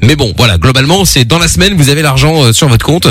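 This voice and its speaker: A man hosting a live radio show, casually presenting like a game show host pitching a cash jackpot. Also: expressive, fast talker, a bit bright, slightly rough, dry recording. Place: radio studio.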